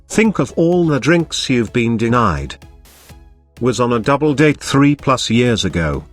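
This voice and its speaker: Male narrator, mid-range voice, even unhurried comment reading, faint music bed. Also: medium pitch.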